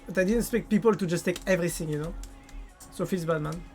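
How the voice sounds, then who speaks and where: A woman's voice: fairly low pitch, quick pace, a little mellow, faint music behind. A woman with a French accent chatting casually with viewers while playing a game on a live stream. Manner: chatty, answers viewers' chat.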